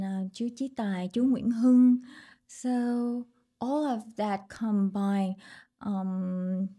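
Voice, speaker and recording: Young vietnamese-accented woman, slow, soft warm tone, lots of ums, chatting on a podcast. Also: mid-range voice. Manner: hesitant, many fillers, laughs lightly. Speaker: guest singer. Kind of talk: casual interview chat.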